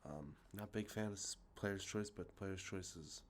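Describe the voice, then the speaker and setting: This ASMR host, a congested and sniffling man, gives a quiet show-and-tell of the games he's collected while traffic runs nearby outside. His voice is low and his pace measured, and he wanders off track, piling on fillers and self-corrections. A faint hiss or hum sits in the audio.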